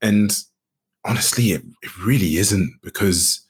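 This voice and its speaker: A man being interviewed as a guest, speaking in a relaxed, rambling way with many "you know"s and restarts. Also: fairly low pitch, a little slow, slightly rough. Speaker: guest, actor and game studio founder. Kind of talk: casual interview chat.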